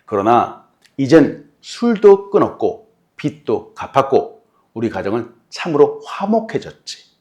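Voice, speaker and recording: A pastor playing a humble reformed man in a sermon story, answering in a soft, modest voice. His speech moves in a lively way. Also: mid-range voice. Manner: modest, soft-spoken replies.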